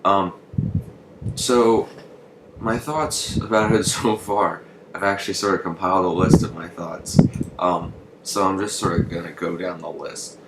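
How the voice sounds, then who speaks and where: A man's voice: deep voice, steady tone, unhurried. A young man rambling through gameplay commentary, hesitant and full of ums and swearing, shivering from the cold in his room. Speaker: gaming channel host. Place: bedroom with a fan running. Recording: echoey room with loud noise.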